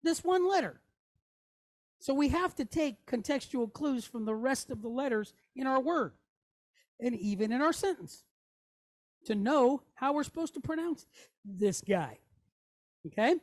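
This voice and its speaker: A woman teaching a Hebrew letter at a board in a folksy, animated way, checking in with "okay?" again and again. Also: high voice, measured pace, pauses often, no echo, clean studio sound. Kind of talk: classroom lesson at a board.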